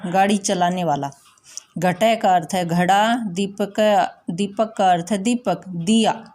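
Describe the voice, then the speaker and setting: A woman teacher explaining a school lesson slowly and patiently, repeating her instructions. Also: mid-range voice, a little mellow. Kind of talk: recorded classroom lesson.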